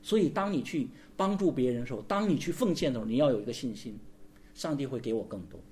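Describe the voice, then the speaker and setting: A man's voice: mid-range voice, lively intonation, fast talker, darkish tone, a little hiss or hum. A man preaching a sermon as pastor, calling for responses and asking his listeners rhetorical questions.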